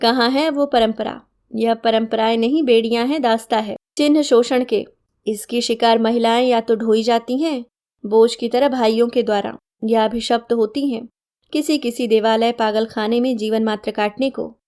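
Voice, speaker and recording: A woman voicing a calm, gentle husband who earnestly argues against old customs in a storybook reading. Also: fairly high pitch, normal speed, close to an everyday voice. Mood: persuasive. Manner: earnest, persuasive.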